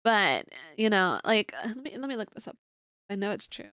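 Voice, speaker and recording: Her pitch sits in the middle but swings widely as this young streamer, nasal and stuffed-up, rambles through her chat while videos play. The tone is bright and forceful at a moderate pace, smooth and echo-free, studio quality.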